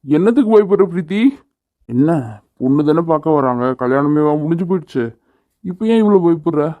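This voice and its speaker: A man's voice: on the high side, animated, a little fast, dark tone, no room sound, lightly acted. A man voicing a brash young husband who is blunt and teasing but protective of his wife, in a cartoon. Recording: dry, phone-like narrow sound.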